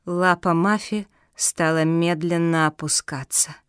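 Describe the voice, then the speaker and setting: A woman narrating a children's audiobook in a clear, expressive way. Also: fairly low pitch, a little slow, no echo, clean studio sound.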